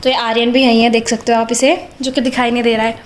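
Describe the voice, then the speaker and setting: Young woman, home vlogger, high bright voice, giggly storyteller, echoey room, faint hiss. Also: flat delivery, fast. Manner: giggly, chatty, breaks into laughter telling stories. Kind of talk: casual vlog chat and storytelling. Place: home, kitchen.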